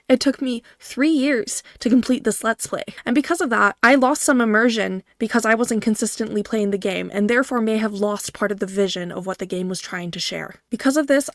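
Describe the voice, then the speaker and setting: A woman's voice: a little high, dry recording, clean studio sound. A woman gaming creator giving a scripted video game review, speaking directly to her viewers.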